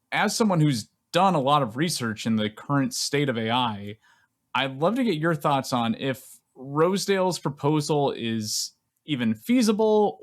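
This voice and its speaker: Man, podcast producer, earnest, mid pitch, long question with fillers. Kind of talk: reading a prepared question.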